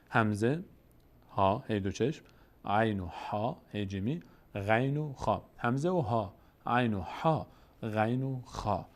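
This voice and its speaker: A man with a Tajik accent walks learners through reading rules in a calm tutorial. His voice sits at an ordinary middle pitch. He sounds out syllables slowly and repeats key points so they stick. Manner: patient, explains slowly and repeats syllables aloud. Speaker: Quran reading teacher. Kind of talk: step-by-step tutorial.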